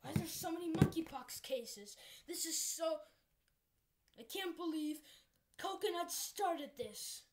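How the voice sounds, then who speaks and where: A woman's voice: extremely high pitch, expressive, measured pace, very noisy. A woman voicing an angry, bossy male mad-scientist villain in a fan-made puppet cartoon. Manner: bossy, shouting.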